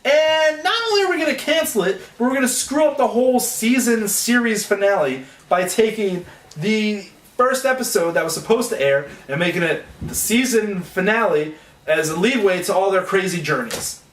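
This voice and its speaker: A man's voice: high-pitched, lively intonation, normal speed, echoey room, distant mic. A young man ranting sarcastically and comically about things he hates, griping with exasperation. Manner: exasperated, sarcastic griping with mocking put-on voices. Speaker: comedy sketch host ranting. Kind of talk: comedic rant monologue.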